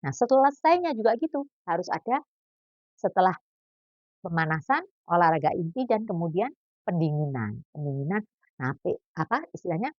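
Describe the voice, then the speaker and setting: In a dull, lo-fi but dry recording, a doctor in her fifties talks at normal speed in a lowish voice. She gives casual advice about exercise during pregnancy, joking, chatting and adding lively asides.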